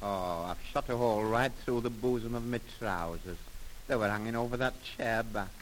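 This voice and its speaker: Brief: actor as a dry, henpecked husband, faint record hiss. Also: male voice, lowish voice, moderate pace, natural voice, poor audio. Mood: grumpy. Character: grumpy, sarcastic henpecked husband. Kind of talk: 1930s comedy record sketch. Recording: faintly hissy old record.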